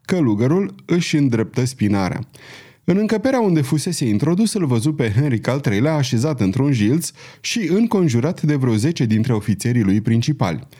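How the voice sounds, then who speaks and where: A man giving a dramatic, expressive reading as an audiobook narrator. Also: medium pitch. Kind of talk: scripted narration.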